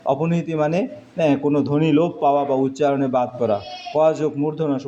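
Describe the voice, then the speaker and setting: This male teacher's voice is fairly high yet dark in tone, and he goes over exam answers in brief, clipped bursts. Faint noise runs under the dull, lo-fi audio.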